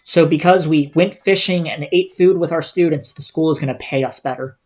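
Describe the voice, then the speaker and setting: A man's voice: a little high, a little fast, darkish tone. A man giving casual live gameplay commentary as a streamer, indoors over game audio. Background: game music.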